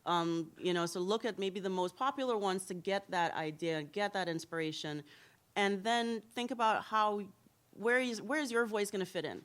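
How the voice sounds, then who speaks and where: A woman's voice: medium pitch, moderate pace, a bit bright. A woman in her thirties from Trinidad and Tobago, a hair blogger answering interview questions in a candid storytelling way at a symposium.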